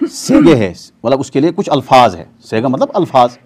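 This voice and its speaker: A man's voice: mid-range voice, wildly swooping pitch, unhurried, a little mellow, breathy edge. A man teaching a weekly class in a mosque, asking his students rhetorical questions and answering them himself. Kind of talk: classroom lecture on hadith terminology.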